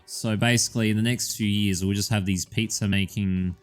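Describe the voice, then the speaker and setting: A man's voice: lowish voice, steady tone, fairly quick, soft background music. A man co-hosting a podcast in casual chat, rambling with lots of "um"s and casual swearing. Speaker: podcast co-host.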